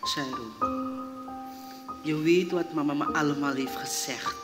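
A man plays a touchy young adult who bristles whenever home comes up, his voice sitting fairly high. The lines ring out in a large theatre hall with loud music underneath. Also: natural voice. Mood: firm. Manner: defensive, quick to bristle. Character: defensive young adult estranged from mother. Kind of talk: live stage drama. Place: theatre stage.

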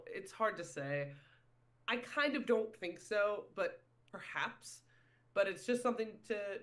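Man, podcast host, casual chat, somewhat high voice, self-deprecating. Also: fairly bright tone. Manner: chatty, self-deprecating, says "if you will" often.

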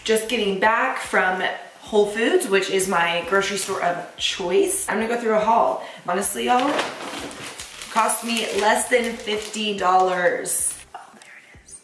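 A woman's voice: mid-range voice, a little slow. A woman in her twenties chatting upbeat through a grocery haul vlog in her home kitchen, filmed from a few feet away. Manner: chatty, upbeat, says y'all. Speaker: lifestyle vlogger. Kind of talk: casual vlog chat. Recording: echoey room, mic at a distance, noisy.

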